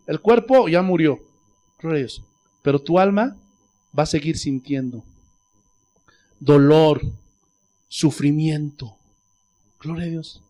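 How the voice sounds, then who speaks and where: A male pastor from Bolivia preaching a sermon with fervor, swinging between loud outbursts and hushed asides, often repeating praise phrases. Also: sits high. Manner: fervent, rising to shouts and dropping to near-whispers; peppers speech with "gloria a Dios".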